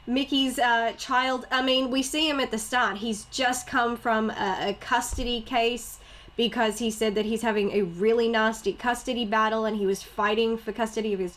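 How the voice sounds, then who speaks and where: A young woman with a slightly high voice chats casually about films on a podcast. She is animated, laughs often and slips into quoted lines as she talks. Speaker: podcast co-host. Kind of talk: casual movie chat.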